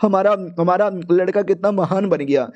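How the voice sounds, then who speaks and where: A man's voice: high voice, moderate pace, a little mellow, highs cut off, natural voice. A man voicing a timid young woman, a worried older sister, in an anxious, pleading way close to his own voice.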